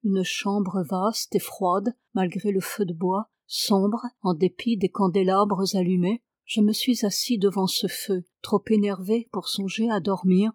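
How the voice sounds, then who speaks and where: A woman reads a novel aloud as an audiobook narrator. Her delivery is even and measured, and her pitch sits in a middle range. The sound is close and dry, with no room echo.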